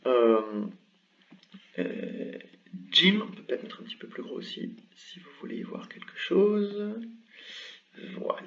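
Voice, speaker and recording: A man's voice: high-pitched, big pitch swings, unhurried, pauses often, a bit bright, far from the mic, dull audio. A man teaching an online language lesson, explaining letters step by step in a patient way with frequent hesitations. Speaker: Arabic script teacher.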